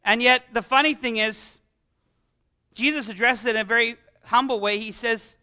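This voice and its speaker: A man's voice: very high-pitched, fairly even intonation, normal speed, sharp tone. A man preaching a conversational sermon, full of asides and rhetorical questions to the congregation.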